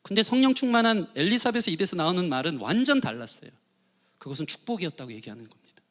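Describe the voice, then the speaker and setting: Bright-voiced, high-pitched male pastor preaching. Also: big pitch swings, quick pace. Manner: earnest preaching, asks the congregation questions. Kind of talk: sermon. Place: church sanctuary.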